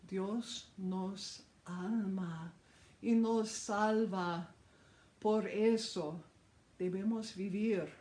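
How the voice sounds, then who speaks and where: A preacher reading a sermon aloud, slow and deliberate, with occasional stumbles and restarts. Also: mid-range voice, darkish tone. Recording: roomy echo.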